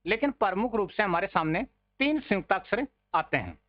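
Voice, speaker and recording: A man's voice: high voice, expressive, fairly quick, highs cut off. A man teaching an online grammar lesson, patiently repeating words to drill their pronunciation and calling his listeners friends.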